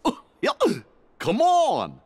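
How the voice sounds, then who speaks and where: Goofy, a slow folksy cartoon creature. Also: male voice, extremely high pitch, huge pitch swings, a little mellow, exaggerated voice. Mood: cheerful, folksy. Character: goofy good-natured male cartoon creature, simple and cheerful. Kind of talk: animated video game acting.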